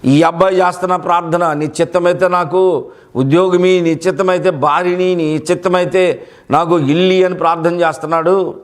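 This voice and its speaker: A man's voice: sits high, fairly even intonation, normal speed, lightly acted. A man voicing a church elder who confides with a wry, knowing tone.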